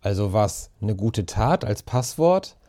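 A man reading the lines of a sarcastic, grumbling boy in a storybook, with a dry, muttering manner and a mellow voice. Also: fairly low pitch, big pitch swings, slow pace, no room sound.

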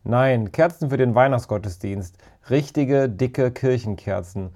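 A kindly old school caretaker , as a man reads him in a storybook, mutters his words with a wry, self-deprecating edge. The tone stays dark and mellow, settled in an ordinary middle pitch. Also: unhurried, lightly acted. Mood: rueful.

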